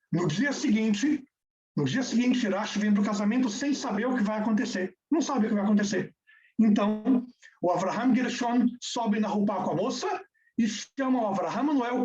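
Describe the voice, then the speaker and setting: A male lecturer retelling an old tale, animated and fond of repeating words for emphasis. His pitch swings widely. He sounds distant, and the recording is dull. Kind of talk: storytelling lecture.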